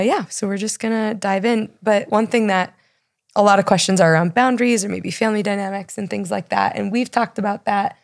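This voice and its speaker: A woman's voice: mid-range voice, creaky. A woman co-hosting a church podcast, chatting casually and rambling a little. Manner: warm, rambling, chatty with laughs. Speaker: podcast co-host and pastor. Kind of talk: casual chat.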